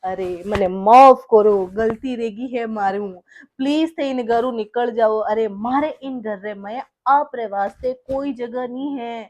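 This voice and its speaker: A woman's voice: on the high side, measured pace, few pauses, highs cut off, a little hiss or hum, natural voice. Woman playing a bossy Marwari husband. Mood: cold, dismissive. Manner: scolding, bossy, sneering questions. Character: angry young husband, harsh, domineering. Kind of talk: comic village skit.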